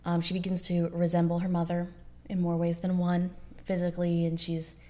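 A young woman co-hosts a casual history podcast, her voice mellow and pitched a little low. She talks in a chatty, loose way, with quick asides and frequent laughter. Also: completely flat delivery. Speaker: podcast co-host.

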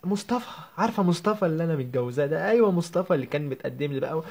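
A man's voice: on the high side, animated, gravelly, a little mellow. A man with an Egyptian Arabic accent voicing a young newlywed woman who complains to her mother on the phone in a comic sketch, whiny and indignant. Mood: upset, whiny. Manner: whiny, indignant, rapid rambling. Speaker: comedian.

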